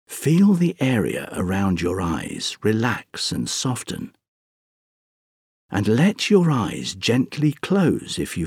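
A man narrating a scripted guided sleep meditation, speaking softly and breathily in a soothing, gentle, unhurried way with long pauses. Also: fairly low pitch, husky, dry recording, studio quality.

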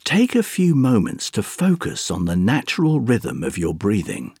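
A man narrating a scripted guided sleep meditation, speaking softly and breathily in a soothing, gentle, unhurried way with long pauses. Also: fairly low pitch, huge pitch swings, husky, no echo, clean studio sound.

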